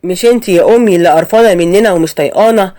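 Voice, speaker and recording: A protective young husband from an animated Egyptian story, as a woman narrator plays him. He speaks firmly and quickly with an Egyptian accent, worn out with his mother. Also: lowish voice, lightly acted. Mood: exasperated. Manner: firm, exasperated.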